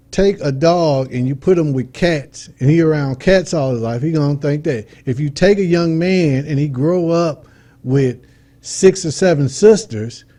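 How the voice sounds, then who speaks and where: A middle-aged Detroit man with a slightly high yet soft, mellow voice appears as a guest on a casual talk show. He talks informally and earnestly, building his points through homely examples.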